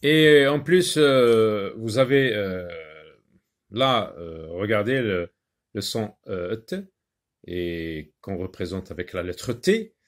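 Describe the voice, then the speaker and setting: A man teaching a phonics lesson to young children, slowly sounding out and repeating syllables, with frequent hesitations and short asides in another language. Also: on the low side, expressive. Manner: slow, repeats words and syllables, explains in French with short Arabic asides; hesitant, many pauses and fillers.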